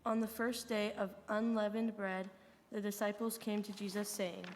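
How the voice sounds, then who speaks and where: In a reverberant church hall, a woman reads scripture narration at a middling pitch. She occasionally trips on a word and corrects herself. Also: flat delivery, moderate pace, a little hiss or hum. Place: large church during a service.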